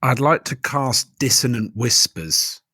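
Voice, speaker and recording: Guy playing a tabletop game, bright crisp voice, dry and close. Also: medium pitch, expressive, a little slow, no echo. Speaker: player. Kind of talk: casual tabletop play.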